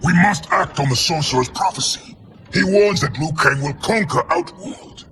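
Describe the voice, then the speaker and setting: A man's voice: on the high side, moderate pace, noisy background, close to an everyday voice. A man voicing an arrogant, warlike general in a video game, blunt and scornful. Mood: insistent. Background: game music.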